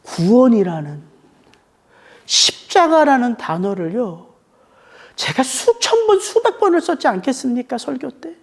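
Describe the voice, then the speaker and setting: A middle-aged male pastor delivering a heartfelt sermon. His pitch rises and falls in wide, lively swings, and he slows to a deliberate pace on the words he stresses. His tone is earnest and emotional. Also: creaky. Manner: emotional preaching, slowing down on key words.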